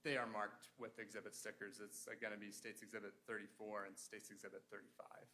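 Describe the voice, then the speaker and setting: Low-voiced male attorney, halting and formal. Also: little pitch movement, bright, forceful tone. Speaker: prosecuting attorney examining a witness. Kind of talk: formal courtroom questioning. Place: courtroom. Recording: noisy courtroom pickup with room ambience.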